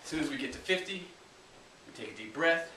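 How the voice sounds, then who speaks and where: A man's voice: on the high side, lively intonation, fairly quick, pushed and bright, recorded from a distance. A man working as a fitness trainer, talking through a home workout with coaching cues. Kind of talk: workout instruction. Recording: roomy echo, off-mic, faint hiss.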